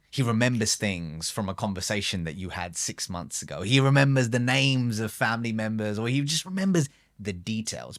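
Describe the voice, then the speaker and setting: A man talking as a podcast guest in a studio, earnest and emphatic, slowing down as he reflects. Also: fairly low pitch. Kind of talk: reflective interview conversation.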